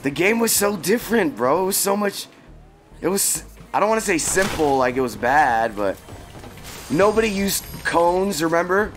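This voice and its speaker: A man's voice: sits high, expressive, normal speed, faint music behind. Laid-back chatty male streamer. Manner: laid-back, chatty, slangy, addresses viewers as bro and dog. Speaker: game streamer. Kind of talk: casual livestream chat.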